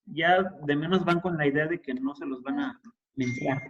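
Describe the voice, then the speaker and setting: A man with a somewhat high, slightly bright voice teaches an introductory Hebrew class at a normal speed, explaining patiently and checking in with his students. The recording has its highs cut off.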